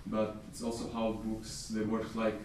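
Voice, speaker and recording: A man's voice: fairly low pitch, monotone, normal speed. A man from Crimea, telling a story in a rambling, laughing way. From Ukraine (Crimea). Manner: rambling, laughs easily, repeats words. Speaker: devotee sharing a story. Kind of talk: casual storytelling. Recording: roomy echo, distant mic, faint noise.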